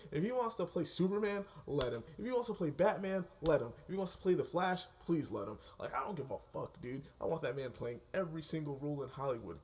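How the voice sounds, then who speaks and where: A man giving a casual, excitable spoken movie review, swearing freely and laughing often as he talks. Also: on the high side, a little hiss or hum. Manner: excitable, profane, laughs often mid-sentence.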